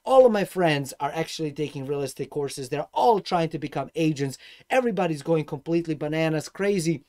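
A man from Serbia in his thirties with a Serbian accent, talking to a webcam about personal finance in an animated, gesturing way. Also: on the high side, brisk. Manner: animated, gestures a lot, swings between loud and soft. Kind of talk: casual vlog monologue. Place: dark room indoors.

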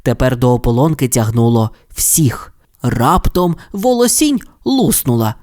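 A man narrating a children's audio fairy tale with expressive, animated storytelling. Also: medium pitch, measured pace.

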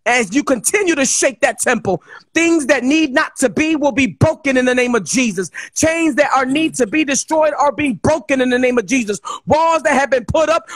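This host's very high, slightly bright voice comes through with no room sound as he prays over a guest. His improvised prayer and exhortation are fervent and emphatic, in true preacher fashion.

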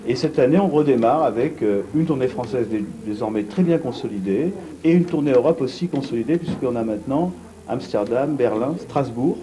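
A middle-aged man seated in a gallery cellar, answering an interview in a blunt, brisk way with many restarts. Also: mid-range voice, expressive, a crowd in the background, poor audio. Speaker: art fair organizer. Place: vaulted brick gallery cellar, indoors.

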